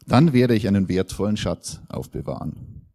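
A man's voice: fairly low pitch, expressive, normal speed, mellow, lightly acted. A proud, dreamy tree, as a man reads it. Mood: eager. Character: hopeful young tree dreaming of glory.

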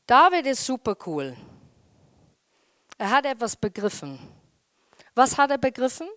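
Woman pastor, animated sermon delivery, slow and deliberate, dry close sound. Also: sits high, dry recording. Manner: animated, acts out quoted voices.

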